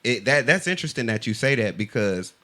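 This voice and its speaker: A man's voice: mid-range voice, lively intonation, brisk, pushed and bright. An American man interviewing in a casual, slangy way, feeling his way into questions.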